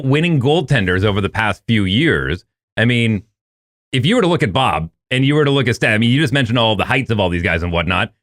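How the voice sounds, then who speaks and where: A man co-hosting a podcast, chatting casually about hockey and acting out quoted voices in a high, excited pitch. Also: no room sound, studio quality. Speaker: podcast co-host.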